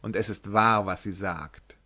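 A melancholy young Irishman, as a male narrator puts him on, murmuring low and soft, well below the narration. Calm and heavy-hearted. Storybook reading. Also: a little slow.

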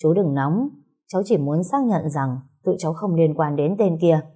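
Woman doing cold gang boss sister, curt, low, husky voice, audio story. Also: animated, normal speed, mellow.

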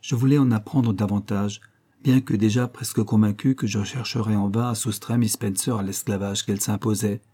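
A man reading a literary story aloud as a narrator, with a measured, even delivery. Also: on the low side, breathy edge. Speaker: audiobook reader.

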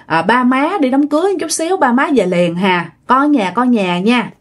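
A woman voicing gentle elderly parents who softly console their grieving child. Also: on the high side, lively intonation, normal speed. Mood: soothing. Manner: soft, consoling.

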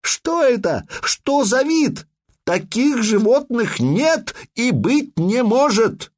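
A man voicing an astonished male natural-history professor who cries out in drawn-out, shrill exclamations. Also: sing-song, heavily acted.

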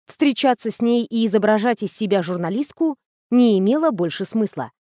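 A woman's voice: mid-range voice, lively intonation, brisk, dark tone, dry recording, studio quality. Woman narrating an audiobook. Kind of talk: scripted narration.

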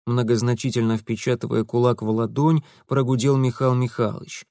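Guy narrating an audiobook, lively reading, dry close sound. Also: medium pitch, brisk, no room sound. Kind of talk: scripted storytelling narration.

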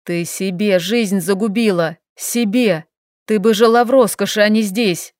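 A woman voicing a stern, guarded young woman in an audiobook, speaking in a sharp, reproachful way. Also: mid-range voice, a little slow, no room sound, studio quality, lightly acted. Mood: bitter. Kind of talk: audiobook character reading.

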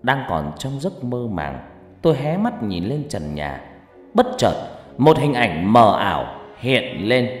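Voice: mid-range voice, big pitch swings, slow pace. A narrator telling a ghost story in dramatic storytelling narration. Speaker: audiobook narrator. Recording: echoey reverb with background music.

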